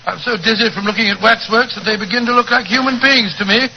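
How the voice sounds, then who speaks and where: A man's voice: high voice, quick pace, creaky, muffled recording. A man acting an amiable, bumbling, easily startled English doctor sidekick in a 1940s radio drama. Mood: weary, chatty. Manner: blustering, bumbling. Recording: noisy 1940s radio recording.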